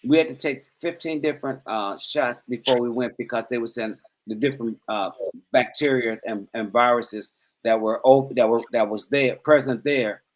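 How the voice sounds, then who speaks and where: This co-host is a man with a medium-pitched voice, heard on a low-quality recording. In a casual chat, he earnestly explains his point at length and keeps repeating words as he goes.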